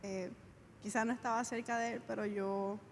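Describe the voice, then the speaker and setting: A young woman giving a church testimony, speaking softly and haltingly with many pauses. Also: mid-range voice, level tone. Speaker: pastor's daughter giving testimony. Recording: hall reverb, faint room noise.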